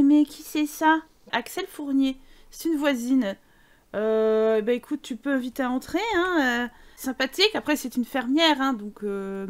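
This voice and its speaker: A woman's voice: sits high, a bit bright. A young woman commenting casually on her life-sim game, chatting to her sims and her viewers with exasperated asides. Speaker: gaming YouTuber. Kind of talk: casual let's play commentary.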